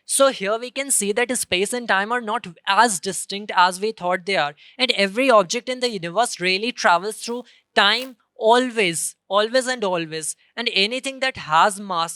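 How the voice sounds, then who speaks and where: A woman giving an earnest science presentation on stage, explaining step by step and quickly correcting herself mid-sentence. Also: medium pitch, pushed and bright, no echo. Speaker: student presenter. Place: convention centre stage.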